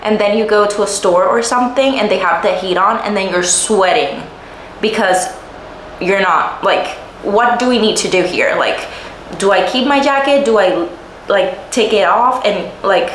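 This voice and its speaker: A young woman from Puerto Rico chats through a casual life-update vlog, lively and quick to laugh, leaning on "like" as she talks. Her mid-pitched voice sits in a roomy space with a bit of echo. A faint hum of room noise runs underneath. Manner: animated, laughs often, filler-heavy. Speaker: vlogger.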